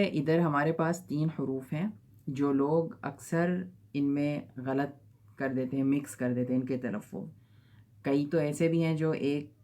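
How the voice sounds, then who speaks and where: A man's voice: on the high side, a little mellow. A man teaching an Arabic pronunciation lesson, who stretches out each model sound and keeps checking "theek hai?" with his learners.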